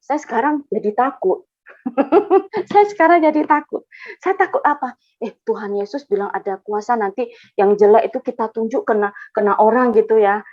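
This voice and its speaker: A woman's voice: medium pitch, fairly quick. Rambling woman, lo-fi testimony. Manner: rambling, repeats herself, animated when quoting. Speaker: testimony giver. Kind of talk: casual spoken testimony. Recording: dull lo-fi sound.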